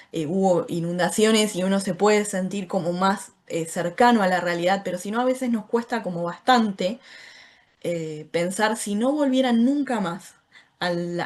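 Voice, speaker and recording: An Argentine woman gives an online class lecture, talking in an explanatory way and checking in often with her listeners. Her voice sits at an ordinary middle pitch for a woman, and she sounds like she is speaking into a computer mic on a video call. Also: darkish tone. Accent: Argentine Spanish. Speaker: course teacher.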